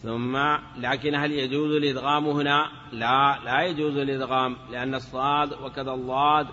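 Male teacher, patient classroom lecturer, bright tense voice, roomy lo-fi lecture recording. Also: mid-range voice, level tone, slight background noise. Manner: patient, explanatory, checks understanding with short questions; sounds words out slowly, syllable by syllable. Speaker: teacher of Arabic morphology.

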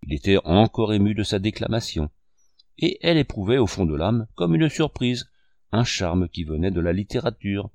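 Male narrator for a classic novel; measured and expressive, low-pitched, dry recording. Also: no echo. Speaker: audiobook narrator.

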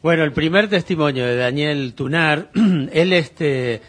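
Older male radio co-host, slightly high voice, easygoing chat, faint music bed. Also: measured pace. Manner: conversational, hesitant fillers.

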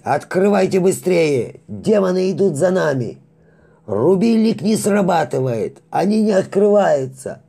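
A man's voice: high voice, dark tone, husky, voice pushed up, exaggerated voice. A man voicing panicked superstitious sailors who scream in terror over the radio.

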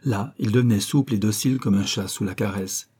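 A man reading a novel aloud as an audiobook narrator, in a measured, even literary style. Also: lowish voice, slightly rough. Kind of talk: scripted narration.

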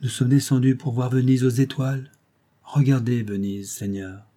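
Male reader as a fierce, sad young gondola girl, low-key, dark and husky. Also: normal speed, lightly acted. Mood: melancholy. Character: proud young Venetian boatwoman, fierce and melancholy.

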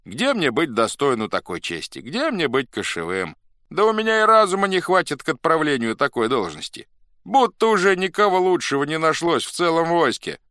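A man's voice: mid-range voice, wildly swooping pitch, moderate pace, few pauses, a bit bright, no echo, clean studio sound, pitched above the performer's own voice. A man voicing an old Cossack, pleading and humble. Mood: protesting. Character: elderly wily male Cossack, modestly protesting.

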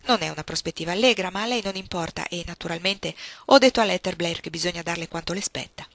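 A woman's voice: on the low side, fast, vocal fry, a bit bright. A woman voicing a shrewd, imperious old grandmother who is bedridden, speaking in an insistent, sly and coaxing way in an audiobook. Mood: confiding.

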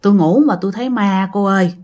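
A woman voicing a frightened older male hospital patient who speaks quietly and shakily in a ghost story. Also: mid-range voice, fast talker, lightly acted.

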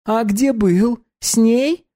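A man putting on a teasing party girl, high and purring. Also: dark tone. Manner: playful, mocking, drawn-out purring lines.

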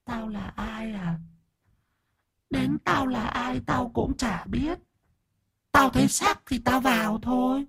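A man voicing a shrieking old female spirit that has possessed an old woman, shrill and pleading. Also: slow pace, creaky, pauses often, fairly bright tone, breathy edge, heavily acted. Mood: mocking.

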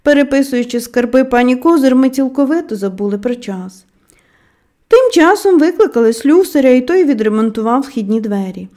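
A woman narrating an audiobook in a measured storytelling manner, letting her voice drop softly at the ends of phrases. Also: high voice, animated.

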